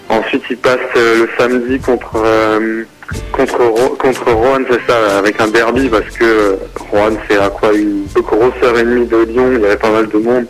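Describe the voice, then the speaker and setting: A man's voice comes in over the phone line at an ordinary middle pitch, with faint music under it. He is a basketball consultant who talks through the games loosely, stopping and restarting his sentences often. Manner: rambling, many hesitations and restarts. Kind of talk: casual radio sports analysis.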